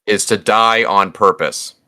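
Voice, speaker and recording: A man with a deep voice and a bright, clean tone talks in a loose, rambling way. He shares stories in a casual podcast chat. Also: unhurried, clean tone. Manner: rambling, laughs at own stories. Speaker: podcast co-host.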